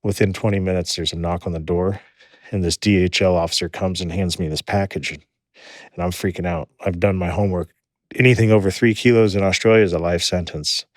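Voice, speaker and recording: A man in his forties tells his story as a podcast guest in a low voice, recorded close and dry. He is animated and swears freely. He often repeats words as he gets going. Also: brisk, no room sound. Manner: animated, profane, repeats words when excited. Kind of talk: casual storytelling.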